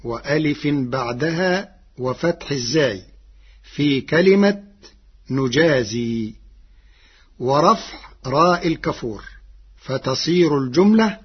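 A man presenting a lesson on recitation variants in a measured way, chanting the quoted verses more loudly than his explanations. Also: a little high, animated, slightly rough. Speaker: presenter of a Quran reading lesson. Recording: dull lo-fi recording.

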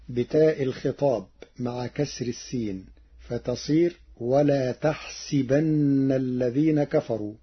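A man lays out Quran recitation rules in a careful, methodical lesson, his voice husky and set a little high. He speaks very slowly. The recording is dull and lo-fi. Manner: measured, methodical explanation. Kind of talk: explaining recitation variants with chanted examples.

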